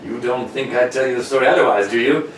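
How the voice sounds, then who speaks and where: A man playing an excitable, admiring gentleman doctor in an old-time radio drama, exclamatory and avuncular. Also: medium pitch, quick pace, natural voice. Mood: jovial storytelling. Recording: very echoey room, distant mic, noisy.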